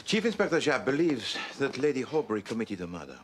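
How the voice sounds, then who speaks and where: An actor playing a fastidious, courteous middle-aged detective who speaks in precise, formal, mannered phrases. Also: male voice, medium pitch, big pitch swings, heavy background noise, close to an everyday voice. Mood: deductive, wry. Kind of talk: television period drama. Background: background music.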